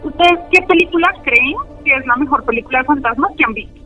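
Deep-voiced woman with a Soacha accent. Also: fast, sharp tone, soft background music, low-quality recording. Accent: Soacha, Colombia. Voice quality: deeper voice than the other women. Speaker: podcast co-host. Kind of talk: casual chat.

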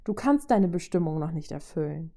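A woman's voice: low voice, animated, moderate pace, dark tone. A woman voicing a brave, earnest young heroine who speaks firmly and pleads with raised voice.

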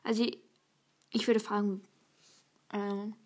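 A woman reading a personality quiz aloud and answering it herself, talking fast, stumbling and restarting, at times dropping to a whisper. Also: mid-range voice, level tone, darkish tone. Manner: reads quickly, stumbles and restarts, sometimes drops to a whisper. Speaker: video host taking a quiz.

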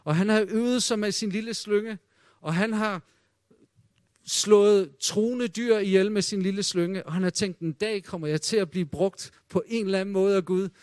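A man preaches in a high, light, clean voice, telling the old stories dramatically. When he quotes the voices in them he drops nearly to a hush, and the recording is dry and close with no room echo.

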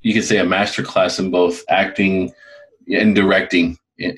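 A man with a lowish voice chats as an interview co-host. His delivery is casual and conversational. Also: level tone, moderate pace, a bit bright.

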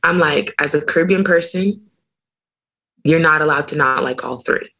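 A woman's voice: low voice, moderate pace, rough recording. A young woman co-hosting a podcast, chatting casually and telling stories with strong opinions. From Barbados heritage, raised in America. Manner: animated, opinionated storytelling. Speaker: podcast co-host. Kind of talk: casual chat.

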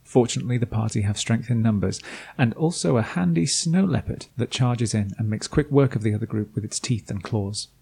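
A man's voice: medium pitch, fairly quick, creaky, warm tone, slightly rough. A man reading a scripted recap of a tabletop campaign as game master, with dry, self-deprecating asides. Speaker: game master and podcast host.

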